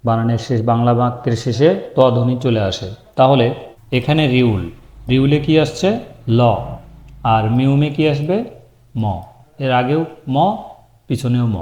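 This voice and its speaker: Male teacher with a warm, dark voice who walks through a language lesson step by step, asking and answering questions. Roomy echo. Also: mid-range voice, steady tone, a little slow, pauses often. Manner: asks questions and answers them himself. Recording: echoey room.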